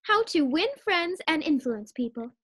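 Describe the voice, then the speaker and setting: A woman's voice: high voice, sing-song, normal speed, fairly bright tone. A woman acting a scheming, cheerful, scatterbrained housewife in a 1940s-style radio sitcom. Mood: breezy.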